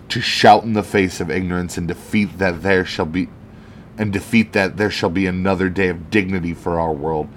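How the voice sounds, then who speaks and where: A man reading out the earnest, measured public speech of a heroic male alien superhero. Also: low voice, a little hiss or hum, close to an everyday voice. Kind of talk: reading a comic speech aloud.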